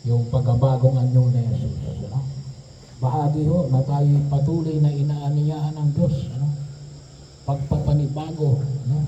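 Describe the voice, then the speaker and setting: A priest giving a homily, often pausing on tag questions. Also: male voice, mid-range voice, dark tone. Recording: echoey room from a distance, dull sound, faint noise.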